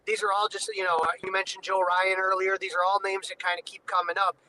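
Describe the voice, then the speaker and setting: Guy on a video call, high bright voice, faint hiss behind, chatty and loose. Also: monotone, brisk, rough recording. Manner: loose and conversational, many "you know" fillers. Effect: heard over a video call with a breaking-up connection. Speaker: podcast guest covering the Cubs. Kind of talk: casual baseball chat.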